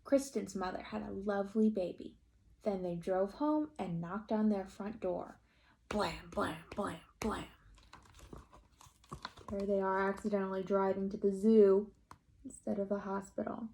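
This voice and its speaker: A woman's voice: medium pitch, a little hiss or hum. A woman reading a picture book aloud to children like a teacher, stopping to ask the listeners questions and have them make predictions. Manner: slow and expressive, asking children questions. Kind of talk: children's read-aloud storytime.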